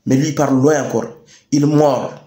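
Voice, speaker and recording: A young man with a Chadian French accent giving a rousing political address, emphatic and deliberate, with repeated phrases and rhetorical questions. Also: medium pitch, fairly even intonation, mellow. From Chad. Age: young adult. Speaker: youth activist speaker. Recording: echoey room sound.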